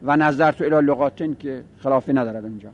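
A man's voice: medium pitch, darkish tone, highs cut off. A man giving a step-by-step grammar lesson in a seminary style, mixing quoted Arabic with plain explanation.

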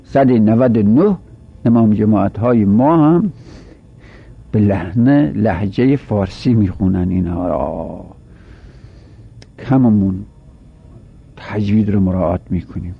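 A man's voice: on the low side, vocal fry, pauses often, slightly rough. A man teaching a seminary class, explaining grammar point by point and reciting Arabic verses aloud. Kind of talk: classroom lecture. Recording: dull, dry lo-fi recording.

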